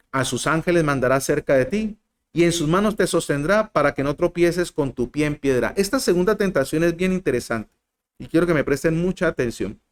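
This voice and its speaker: A man preaching a sermon to a group, asking them questions and swinging between loud emphatic lines and soft low ones. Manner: addresses listeners directly, asks rhetorical questions.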